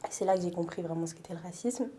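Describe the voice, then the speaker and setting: Young woman guest from France, low and mellow, reflective, hesitant. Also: racing, a little hiss or hum. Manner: reflective, hesitant with many fillers. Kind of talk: casual interview chat.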